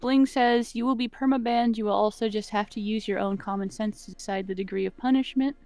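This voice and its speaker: A woman, a game developer, chatting casually on a stream, self-deprecating and quick to laugh. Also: mid-range voice, fairly even intonation, darkish tone, no room sound, faint music behind. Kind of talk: casual live-stream chat.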